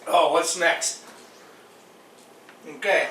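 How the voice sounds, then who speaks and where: Slow-talking bright-voiced man cooking. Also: on the high side, roomy sound, slight background noise. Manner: slow, relaxed, savoring food between lines. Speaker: cooking show host. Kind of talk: casual cooking vlog. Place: kitchen.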